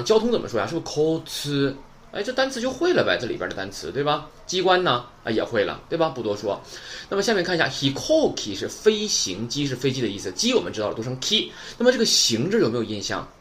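A man's voice: fairly high pitch, a little hiss or hum. A man teaching Japanese vocabulary in a casual lesson, chatty and full of rhetorical questions.

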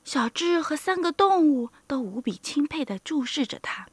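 A woman narrating a children's story in an expressive way, with soft, hushed asides. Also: sits high, normal speed, no echo.

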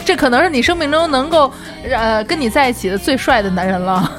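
A woman's voice: sits high, animated, fast, over music. A woman co-hosting a comedy talk show who teases her co-host with pointed questions. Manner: teasing, asks pointed questions. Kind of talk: casual comedic banter.

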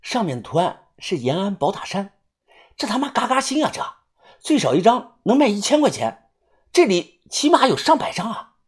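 A woman's voice: mid-range voice, big pitch swings, moderate pace, slightly rough, pitched above the performer's own voice. A woman voicing a blunt, knowing young man in an audiobook, talking in a scolding way. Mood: excited. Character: gruff young male narrator, blunt and knowing. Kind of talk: audiobook character voice.

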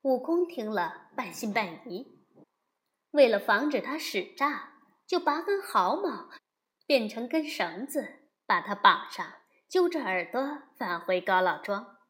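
A woman narrating a classic story as a storyteller, lively and unhurried. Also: on the high side.

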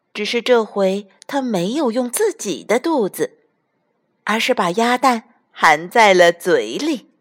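Slow, lively-voiced woman reading a storybook. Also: mid-range voice. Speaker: mother reading a bedtime story.

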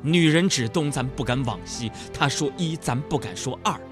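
A man doing a stand-up comedy monologue. He talks to the audience in an animated, mock-indignant way. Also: mid-range voice, normal speed, music in the background.

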